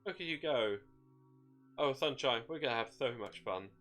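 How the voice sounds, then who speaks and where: A man's voice: medium pitch, lively intonation, moderate pace, a bit bright, faint music behind, close to an everyday voice. A man voicing a gleeful, bloodthirsty demon shade, mocking and wheedling in folksy slang as in a dramatic story.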